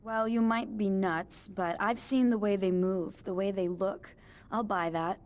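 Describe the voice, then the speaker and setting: Here a game cutscene features an actress as a motel-dwelling self-declared psychic, a chatty, offbeat new-age woman who talks in a breezy, airy way. Her medium-pitched voice is steady in tone, a little slow, and only lightly acted.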